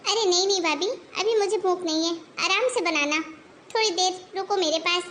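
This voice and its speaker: A woman's voice: extremely high pitch, normal speed, a bit bright, slight background noise. A woman voicing a spoiled young married daughter in a cartoon, whining about her in-laws. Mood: chatty.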